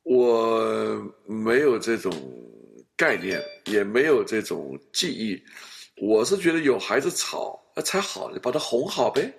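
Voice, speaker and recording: A man's voice: lowish voice, measured pace, creaky, slight background noise. A male pastor in a counseling chat, telling family stories and acting out the scenes as he goes. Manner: animated storyteller, acts out family scenes.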